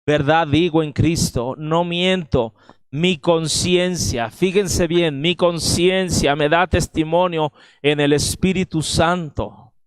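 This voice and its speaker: A man's voice: fairly high pitch, steady tone, slow, clear, resonant tone, no echo. A man preaching a sermon in a Mexican accent, emphatic and speaking straight to his listeners. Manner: emphatic preaching, addresses listeners directly with frequent "¿verdad?". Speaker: pastor.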